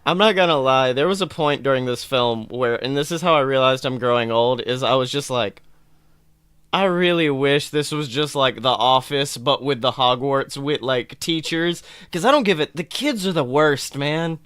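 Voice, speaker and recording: Casual podcast chat turns into a comic film rant as the male host complains, animated and exasperated, with plenty of swearing. His mid-range voice moves at a moderate pace, smooth on a dry recording.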